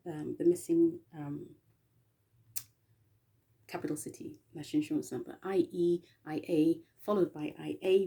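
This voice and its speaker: An English woman speaking in a slow, meandering spiritual monologue, often spelling out letters and pausing with little laughs. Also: lowish voice, vocal fry, a little mellow, slightly rough. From England.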